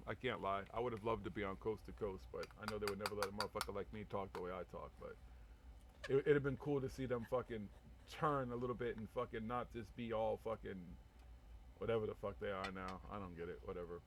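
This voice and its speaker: A man's voice: medium pitch, fairly bright tone, slight background noise. A man hosting a casual live chat, speaking bluntly and rambling with heavy swearing. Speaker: talk show host.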